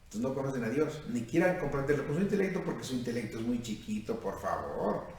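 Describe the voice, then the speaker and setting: Lively Mexican priest in his fifties, echoey and distant. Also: medium pitch, quick pace. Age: 50s. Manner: lively, questioning the listeners and calling them "mijo". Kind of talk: sermon at a youth retreat. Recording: echoey room from far off, faint noise.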